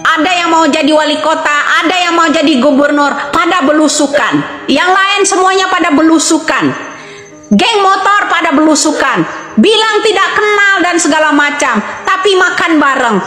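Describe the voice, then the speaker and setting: A high-pitched woman in her fifties hammers home her point, firing the same rhetorical questions again and again. Her voice rings through a reverberant, echoey room with long reverb. Faint music sits underneath. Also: expressive, moderate pace, sharp tone. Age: 50s. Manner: insistent, repeats rhetorical questions. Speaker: online commentator. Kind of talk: impassioned monologue to camera.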